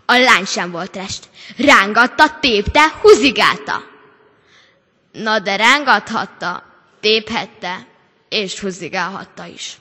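A woman reading a fairy tale aloud at a family church service, with expressive, dramatic delivery. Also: mid-range voice, in a large hall.

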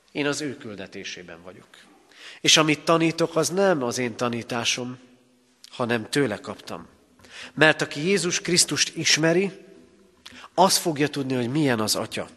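A male pastor from Hungary preaching a sermon in a church, emphatic, with pauses and rising stresses. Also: medium pitch, a bit bright. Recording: long reverb of a church hall.

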